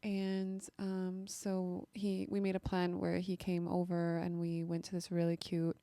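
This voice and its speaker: A woman's voice: lowish voice, monotone, unhurried, mellow, clear, resonant tone, dry recording. A young woman telling a date story in a casual, chatty vlog, full of "like" fillers. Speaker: vlogger.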